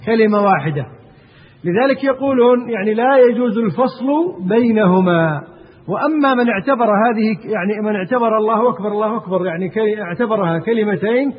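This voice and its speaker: A man's voice: high voice, husky. A man teaching a class on Islamic jurisprudence, often asking his students questions as he explains. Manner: asks the class questions, often pausing on "eesh?". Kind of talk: classroom lesson on a text. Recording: tinny phone-like recording, long hall reverb.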